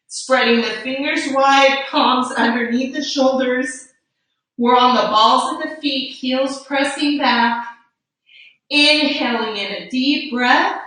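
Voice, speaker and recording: A woman teaching a live yoga class, calmly guiding breaths and poses with encouragement, a little out of breath. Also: on the high side. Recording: roomy echo, distant mic.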